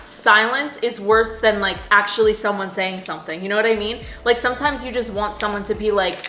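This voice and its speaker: A woman's voice: mid-range voice, fairly even intonation, fairly quick, fairly bright tone, echoey room. A young woman from New Jersey, a couple vlogger, telling a story in casual chat, full of "like" fillers. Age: young adult. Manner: chatty, filler-heavy storytelling with many "like"s.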